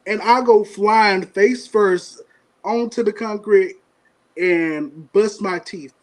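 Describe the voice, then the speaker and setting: A man co-hosting a podcast, telling a story in casual chat, animated and laughing often as he acts out what people said. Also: high-pitched, takes it slowly, low-quality recording. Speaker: podcast co-host.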